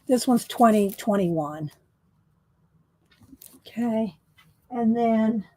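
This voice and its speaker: A woman's voice: on the high side, a little mellow, dry recording. Woman, casual live-stream chat, rambling, restarts a lot, dry sound. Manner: rambling, chatty, many restarts. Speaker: livestream host coloring.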